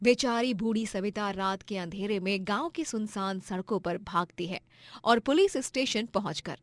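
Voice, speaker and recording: A woman narrating an animated moral story in a steady scripted way. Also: medium pitch, normal speed, no echo.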